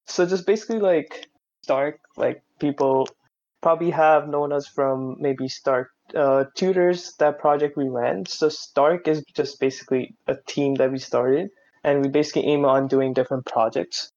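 A man of about eighteen co-hosts a casual student podcast in a fairly high voice. He talks loosely, full of likes and basicallys. His mic sounds dull and lo-fi. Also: fairly even intonation, normal speed, darkish tone. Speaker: podcast co-host.

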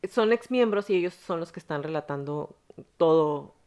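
Woman podcast host, lowish voice, blunt and slangy, swears casually. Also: animated, moderate pace, a little mellow, clean tone, muffled recording. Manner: frank, blunt, uses slang and profanity. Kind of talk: casual conversational storytelling.

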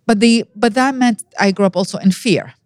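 A woman's voice: medium pitch, a little fast, a little mellow, no echo. A woman speaks as an interview guest, telling her story in an earnest, reflective way and often restarting her sentences. Her voice sits in a middle register. The recording is dry and close, with no room sound. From Iraq. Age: 50s.

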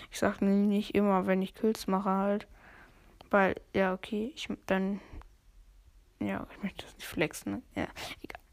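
A woman's voice: mid-range voice, darkish tone. A woman giving casual, chatty let's play commentary, thinking aloud in slangy language as the game goes. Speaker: gamer commentating own play.

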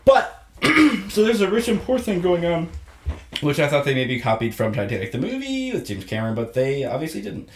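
A man's voice: a little high, sing-song, a little mellow, slight background noise. Rambling man in an echoey room. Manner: rambling, halting, full of "like" and restarts. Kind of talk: casual chat reviewing a show.

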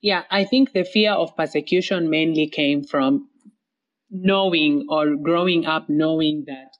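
A woman's voice: sits low, a little slow, highs cut off. A woman from Somalia telling her story as an interview guest, earnest, with many fillers and repeated words.

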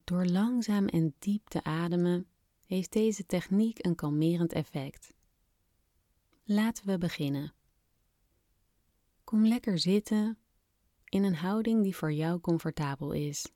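A woman softly and soothingly guiding a breathing exercise in calm, unhurried scripted instructions, slightly breathy at times. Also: lowish voice, no room sound, studio quality. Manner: soft, soothing, unhurried instruction with long pauses. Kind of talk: guided relaxation exercise, scripted narration.

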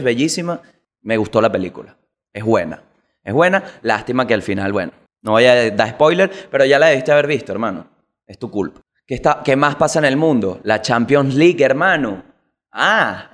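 A man with a Venezuelan accent hosting a comedic news monologue, animated and slangy, swearing and jumping into quick impressions. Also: mid-range voice. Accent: Venezuelan Spanish. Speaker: comedy show host.

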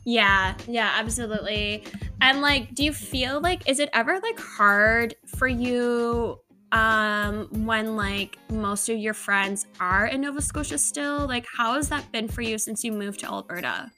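A young woman in her twenties hosting a casual chat with a friend, warm and full of likes. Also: on the high side, a little slow, soft background music. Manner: warm, filler-heavy.

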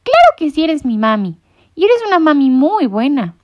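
A woman voicing a tiny newborn seagull chick that talks in a squeaky, babyish, pleading way. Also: sing-song, moderate pace, no room sound. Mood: sleepy, clingy. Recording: muffled lo-fi recording.

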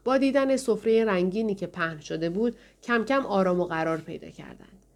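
A woman with a medium-pitched voice reads an audiobook as scripted narration, keeping a steady storytelling rhythm and voicing each character in turn.

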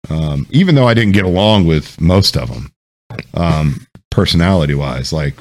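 Deep-voiced man telling war stories casually. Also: expressive, moderate pace. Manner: loose, profane, rambling with many ums. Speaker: podcast host. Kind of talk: casual storytelling chat.

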